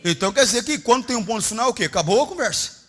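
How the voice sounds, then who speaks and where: A middle-aged Brazilian man preaching a Pentecostal sermon, swinging between shouts and low, confiding asides. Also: animated, racing, slightly rough. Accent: Brazilian Portuguese. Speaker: pastor.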